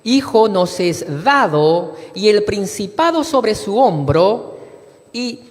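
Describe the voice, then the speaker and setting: Male preacher, unhurried sermon delivery with lively intonation, recorded in an echoing hall. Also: high voice. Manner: addresses the congregation as brothers, reads scripture aloud. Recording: long reverb of a hall.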